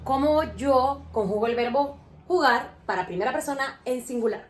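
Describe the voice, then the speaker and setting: A woman's voice: sits high, moderate pace, faint music behind. A woman teaching a grade-school lesson, asking the children questions and praising their answers with patience.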